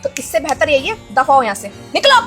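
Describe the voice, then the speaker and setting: An indignant wealthy wife in a social-media melodrama, played by a woman, her very high voice sharp with scolding. She gives orders and accusations with force, with faint music underneath. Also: big pitch swings, fast talker. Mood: furious. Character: wealthy wife and employer, stern and protective. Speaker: lady of the house.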